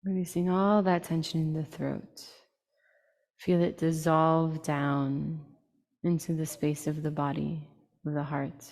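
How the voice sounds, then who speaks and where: A woman guides a meditation slowly and soothingly, giving unhurried instructions in short phrases separated by long pauses. Her voice sits low and is a little mellow, with little pitch movement, and the recording has a long reverberant tail.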